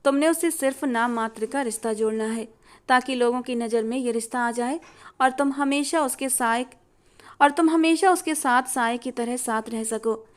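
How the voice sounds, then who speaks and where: A woman voicing an aging, wealthy matriarch who speaks in a slow, measured, persuasive way. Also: a little high, smooth, close to an everyday voice.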